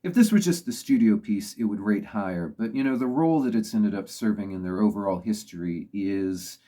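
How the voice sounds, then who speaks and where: A man's voice: lowish voice, a little fast, warm tone. A man talking through his opinions on songs in a thoughtful, casual way, leaning on "you know" as he goes. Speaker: music reviewer. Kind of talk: casual spoken commentary.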